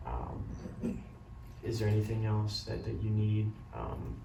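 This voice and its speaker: A man playing a caring doctor who breaks bad news gently, apologetically and haltingly in a role-played consultation. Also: on the low side, big pitch swings, vocal fry, exaggerated voice. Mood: gentle, apologetic. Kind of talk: amateur role-play of a medical consultation. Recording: roomy, distant mic, loud background noise.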